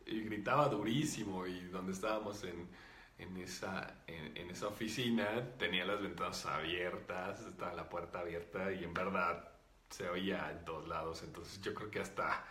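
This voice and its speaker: A man, a spiritual teacher calmly explaining and answering viewer comments. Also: low voice, normal speed, reverberant. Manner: calm, explanatory, with many fillers.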